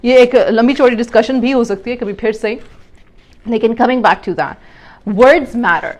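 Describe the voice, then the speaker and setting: Higher-voiced woman teaching about communication. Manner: mixes English terms into Urdu, acts out example lines. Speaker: parenting and communication educator. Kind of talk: explanatory talk on communication.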